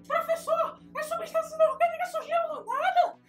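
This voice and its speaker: A performer voicing a dim, childish pupil with a squeaky voice in a comic educational skit. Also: normal speed, a bit bright, far from the mic, faint music behind. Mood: curious.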